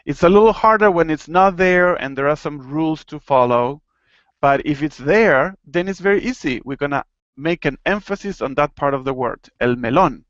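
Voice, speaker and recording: A man's voice: a little high, expressive, a bit bright, no echo, muffled recording. A man from Argentina with an Argentine accent, teaching a Spanish lesson online and explaining things patiently. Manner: patient, explains slowly, chuckles at own jokes.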